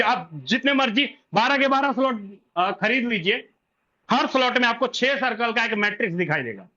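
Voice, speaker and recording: A man's voice: very high-pitched, pushed and bright. Man, whiteboard tutorial, asks and answers own questions, muffled lo-fi audio. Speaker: presenter explaining a referral plan.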